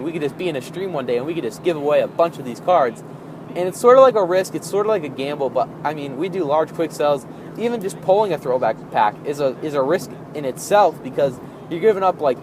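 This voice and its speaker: Higher-voiced young man rambling casual gaming commentary. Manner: rambling, informal, repeats and rephrases himself. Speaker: gaming video host. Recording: clearly noisy background.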